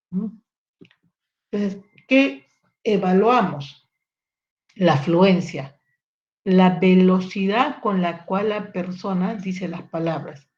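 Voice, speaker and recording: A woman's voice: medium pitch, a little mellow, lo-fi sound. A woman giving a neurology lecture, explaining step by step and checking in with rhetorical tag questions. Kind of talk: recorded lecture.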